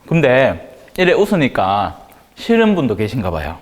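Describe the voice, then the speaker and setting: A priest with a Gyeongsang Korean accent gives an informal religious talk to a small group, speaking animatedly in a medium-pitched male voice at normal speed. He's jokey and colloquial, often tossing rhetorical questions at his listeners. The hall is echoey, with a long reverb.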